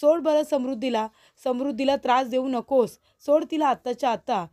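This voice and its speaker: A woman's voice: high voice, moderate pace, mellow, lightly acted. A woman voicing a determined young lawyer in a retold TV serial, earnest and soothing.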